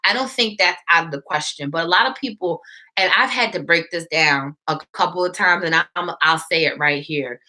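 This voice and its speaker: A woman co-hosting a podcast in casual chat, animated and opinionated, laughing easily. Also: fairly low pitch, a little fast. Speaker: podcast co-host.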